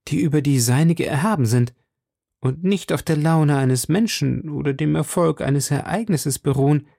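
A man's voice: fairly high pitch, moderate pace, gravelly, dark tone, no room sound, clean studio sound, pitched above the performer's own voice. A man reading an audiobook, voicing an anxious, secretive young wife in a raised, urgent voice. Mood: earnest.

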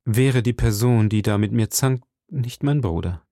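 A man's voice: mid-range voice, measured pace, dark tone, no room sound, studio quality, lightly acted. A man voicing a proud, imperious young noblewoman in a storybook, speaking coolly and composedly.

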